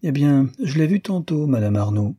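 A man's voice: fairly high pitch, lively intonation, moderate pace, dark tone, slightly rough, dry recording, clean studio sound, pitched above the performer's own voice. Man doing Deslauriers, a mocking young student. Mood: teasing. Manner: teasing, mock-polite. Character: sarcastic young male law student, mocking friend.

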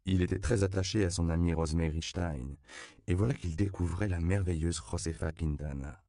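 A man reading a novel aloud as an audiobook narrator, measured and even, on a close studio mic. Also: sits low, gravelly, smooth, no room sound. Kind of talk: scripted narration.

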